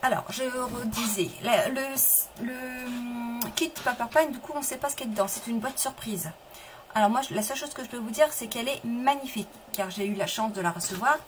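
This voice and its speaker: Woman, middle-aged, live papercraft tutorial, chatty, fairly high voice, noisy home stream. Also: a little fast. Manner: chatty, restarts and apologizes, answers viewers. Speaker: papercraft demonstrator.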